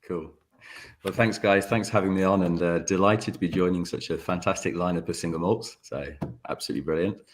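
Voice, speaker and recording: A man talking casually as a guest distiller on a video call, relaxed and chatty with many ums. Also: low-pitched, brisk.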